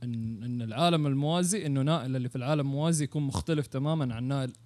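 A man's voice: medium pitch, rapid-fire, warm tone. A Saudi man chatting casually and thinking aloud, dropping English words and phrases into his Arabic. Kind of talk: casual, musing chat.

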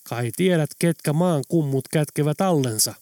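A man reading an audiobook, voicing a mysterious, calm older Lapland man who speaks in solemn, measured pronouncements. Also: on the high side, no room sound, clean studio sound, close to an everyday voice. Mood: ominous.

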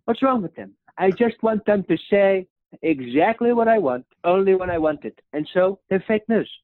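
A man's voice: expressive, normal speed, no room sound. A young man impersonating a boastful male president who rambles, praises himself and keeps ending lines with "okay?". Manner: rambling, repeats "okay?" with a dropping pitch. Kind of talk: comedic impression sketch. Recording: tinny phone-like sound.

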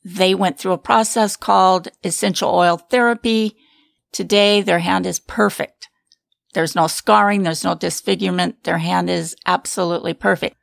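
Middle-aged woman, skincare pro hosting a live Q&A; calm and explanatory, some vocal fry, dry close sound. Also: on the low side, moderate pace, no room sound. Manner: calm, explanatory, answers chat questions.

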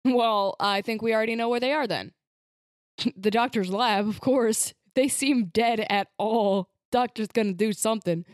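A woman's voice: on the high side, moderate pace, smooth, no room sound, studio quality. A woman playing a tabletop game, bantering playfully with the others. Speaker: player. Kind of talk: casual tabletop play.

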